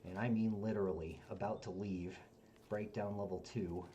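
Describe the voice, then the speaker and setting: A man hosting a game stream, chatting casually and jokingly, often halting with fillers. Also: on the low side, fairly even intonation, mellow, slight background noise. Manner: joking, halting, many uhs. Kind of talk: casual chat while playing.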